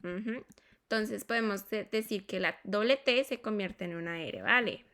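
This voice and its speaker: In a mid-range voice with a slight brightness, a woman teaches English pronunciation to a class. Her delivery is slow and deliberate as she spells out sounds, repeats words and checks on her students.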